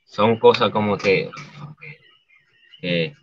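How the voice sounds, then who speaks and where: A man with a Dominican accent, a guest artist speaking haltingly and softly, with many restarts, over dull lo-fi video call audio. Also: fairly low pitch, no echo. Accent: Dominican Spanish. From Dominican Republic. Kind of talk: emotional interview.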